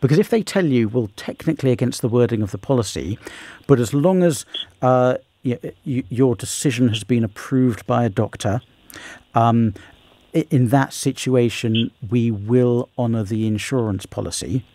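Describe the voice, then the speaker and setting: Mellow male legal phone-in host. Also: medium pitch, no echo. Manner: sympathetic, careful, halting. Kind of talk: advice to a caller. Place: radio studio.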